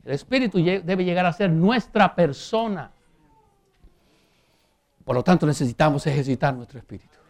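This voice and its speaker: Man, preacher, high voice, emphatic, rhetorical questions, scripture reading. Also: lively intonation. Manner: emphatic, rhetorical questions, slows on key phrases; reads scripture aloud and comments. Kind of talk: sermon.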